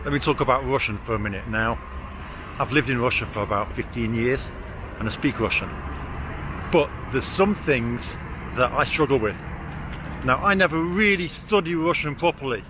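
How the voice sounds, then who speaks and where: A man of forty talks at a moderate pace in a mid-range voice as he walks and vlogs through the city. His manner is blunt and self-deprecating with casual swearing, and he can't roll or clearly pronounce his R. Street and traffic noise runs throughout.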